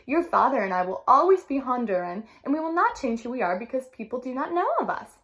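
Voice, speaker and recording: Storybook mother, gentle and steady, lively pitch, read by a woman. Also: fast talker. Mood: reassuring. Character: calm reassuring Honduran mother.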